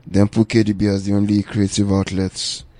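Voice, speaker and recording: A man's voice: fairly low pitch, monotone, brisk, mellow. A man hosting a casual sports podcast, emphatic and given to repeating words. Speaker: podcast host leading the discussion.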